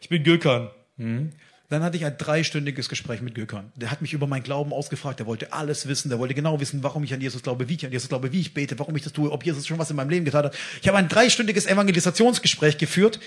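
A man preacher telling a lively testimony in a blunt, jokey, colloquial way, acting out the dialogue as he goes. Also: on the high side, very fast, few pauses, husky. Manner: animated storytelling, acts out dialogue.

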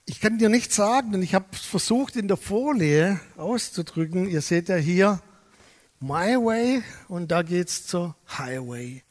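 Man, pastor, sermon, high voice, lively storytelling, long echo of a church hall. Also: unhurried. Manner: lively storytelling, acts out dialogue.

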